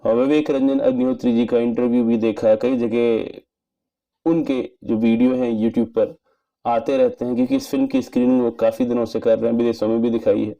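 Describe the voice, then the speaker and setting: A man giving an earnest, measured spoken movie review in formal wording. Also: mid-range voice, steady tone, gravelly, dark tone, dull audio. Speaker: film reviewer.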